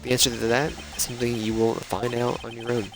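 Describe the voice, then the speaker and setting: A man's voice: mid-range voice, level tone, fast talker, background noise, voice pushed up, lightly acted. A man reading a stern lecturing prosecutor. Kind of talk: reading game dialogue aloud. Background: game music.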